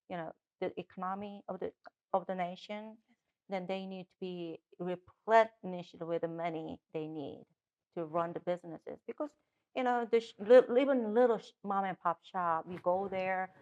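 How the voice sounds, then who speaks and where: In a muffled recording, a middle-aged Korean woman with a native Korean accent speaks in a lowish, darkish voice. She is a political candidate fielding interview questions, and her answers are full of fillers and restarts.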